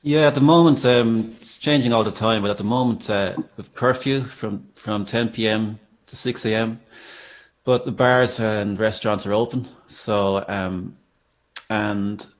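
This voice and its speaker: A man with an Irish accent, a guest musician on a video call, talking in a relaxed, measured way with a few fillers. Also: on the low side. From Ireland. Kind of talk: casual chat.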